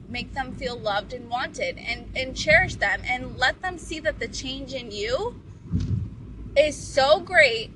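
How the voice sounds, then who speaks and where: A woman's voice: on the high side, noisy background. A woman vlogger giving earnest, casual motivational advice from inside a car, loose with fillers.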